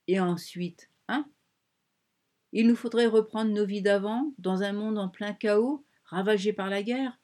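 In an audiobook, a woman reader voices a proud, domineering male strongman of a castaway island colony, once a singer, making him curt and cutting. She delivers his lines in a high, plain reading voice with little shift in timbre, sometimes dropping to a breathless hush.

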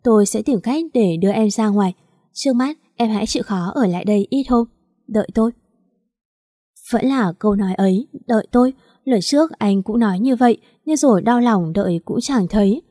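A woman reads a first-person drama in a warm, mellow voice, taking every part herself. The recording is dry and close, with no room sound. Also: medium pitch, fairly quick, dry recording. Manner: reads all parts in one voice, with small emotional lifts in dialogue. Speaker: narrator. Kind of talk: first-person audio story reading.

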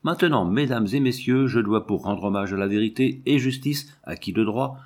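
A man's voice: lowish voice, moderate pace, a little mellow, natural voice. A man reading aloud, voicing a pompous, grandiloquent male fairground showman in a storybook. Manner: pompous, declamatory.

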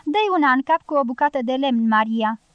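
Woman voicing bossy middle-aged peasant woman, sharp-tongued, scolding, high voice, dry sound. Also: expressive, clear, resonant tone, no room sound, muffled recording.

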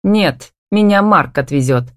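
A woman's voice: medium pitch, animated, measured pace, dry recording, clean studio sound, lightly acted. A woman voicing Tatiana, a sarcastic snapping woman. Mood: snappish. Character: sharp-tongued sarcastic young woman.

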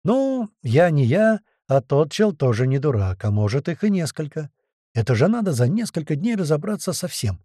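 Frantic male scientist, yelling alarms, lively pitch, dark timbre, read by a man. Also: normal speed, dry recording, clean studio sound. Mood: agitated. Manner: urgent, shouting in alarm. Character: tense scientist man shouting orders. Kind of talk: audiobook character voice.

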